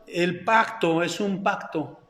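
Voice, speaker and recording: High-voiced pastor in an echoey hall. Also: male voice, takes it slowly, fairly bright tone. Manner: keeps quizzing the congregation. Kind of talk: sermon. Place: church hall. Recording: echoey hall with long reverb.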